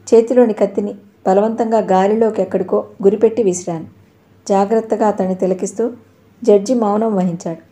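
A woman's voice: mid-range voice, steady tone, a little fast, mellow. A woman narrating an audio novel, reading all the characters' lines in her own voice.

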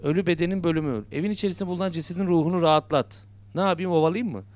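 A young man with a fairly high, darkish voice talks rapid-fire as he plays a horror game, joking and muttering to himself before yelping in fright whenever something startles him. He's a gaming YouTuber.

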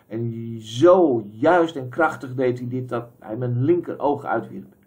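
Man reading an old novel as an audiobook, calm and steady, middle pitch. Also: unhurried. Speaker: audiobook reader. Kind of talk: literary audiobook narration.

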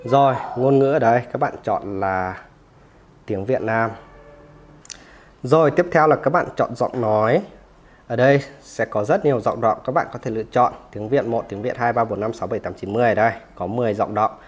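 A man hosting a phone tutorial, explaining each step casually and often pausing with "rồi" between steps. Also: medium pitch. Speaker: tech tutorial host.

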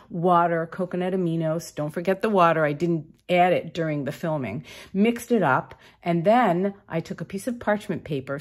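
A woman with a low, husky voice talks through her kitchen prep in a chatty, upbeat way. She explains each step as she goes, like a home cooking host. Her tone stays easygoing and friendly throughout. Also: darkish tone. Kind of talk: casual cooking voice-over.

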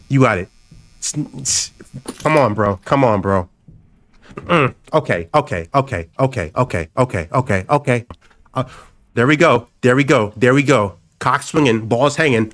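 A man's voice: medium pitch, fairly bright tone. A young man doing let's play commentary, hyped and profane, trash-talking the game's villain and repeating taunts over and over. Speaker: gaming YouTuber.

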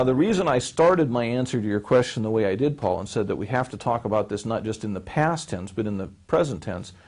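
A man in his forties gives a measured, explanatory answer on history, like a professor fielding a question. He talks at a middling pitch, pausing on fillers and restarting phrases as he thinks. He is recorded seated in a small studio on a close mic. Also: a little mellow. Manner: gestures with his hands while speaking. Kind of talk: lecture-style interview answer. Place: small studio set with a wood-panel backdrop, seated.

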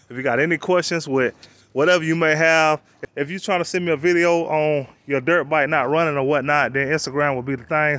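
A man vlogs outdoors on a rural property while filming with a handheld camera. His voice sits a little higher than most men's, and he talks in a loose, slangy, rambling way. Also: fairly bright tone. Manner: laid-back, slangy, rambling. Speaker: vlogger. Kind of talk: casual walk-around vlog.

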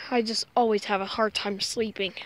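A woman's voice: mid-range voice, fairly bright tone, a little hiss or hum. A woman vlogging casually to her viewers, anxious and apologetic, often sighing and exclaiming. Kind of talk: casual vlog narration to viewers.

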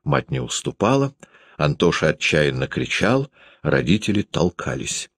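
A man narrating a classic novel as an audiobook, in an expressive, measured way. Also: a bass voice, vocal fry, husky, no echo, clean studio sound.

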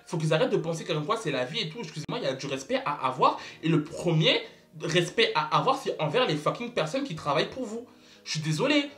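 A man's voice: on the high side, big pitch swings, fast talker, a bit bright. A young man telling a story to camera in a casual vlog, dramatic and exclamatory, repeating words for emphasis. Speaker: vlogger.

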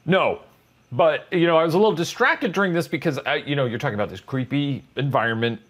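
A man's voice: a little high, fast, a bit bright. A young man chatting as a guest, curious and rambling. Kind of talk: casual chat.

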